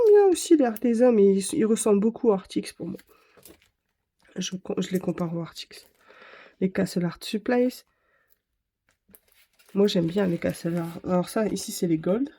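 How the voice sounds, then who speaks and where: A woman's voice: medium pitch, moderate pace, long pauses, warm tone, slightly rough. A woman vlogger chatting casually to camera, rambling and correcting herself as she shows her art supplies. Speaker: craft vlogger.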